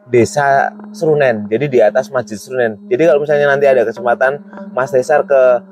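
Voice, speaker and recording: A man's voice: mid-range voice, fairly even intonation, a little fast, darkish tone. Hesitant man telling a story. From Yogyakarta, Indonesia. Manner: hesitant, many "eh" fillers and restarts. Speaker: guest storyteller. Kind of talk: casual spoken storytelling.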